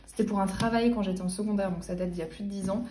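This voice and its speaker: A woman's voice: medium pitch, steady tone, racing, far from the mic, noisy background. A woman in her late twenties chatting casually about her book collection, hesitant and full of fillers and restarts. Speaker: book vlogger. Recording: roomy sound, voice a bit off-mic.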